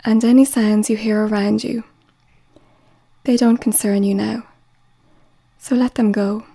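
Woman, relaxation guide: slow soothing delivery with whispered phrases, mellow and steady in pitch. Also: gravelly, no room sound.

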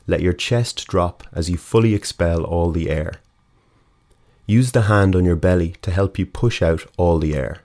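A man leading a guided breathing exercise, talking in a slow, calm, measured way and counting breaths aloud. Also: low voice. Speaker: breathing instructor.

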